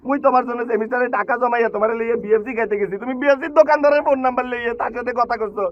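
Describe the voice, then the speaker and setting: Fast high-voiced man with a Barishal accent. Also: fairly even intonation, lo-fi sound. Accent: Barishal Bengali. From Barishal, Bangladesh. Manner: rhyming, boastful, ranting. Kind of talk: comedic rap and sketch acting.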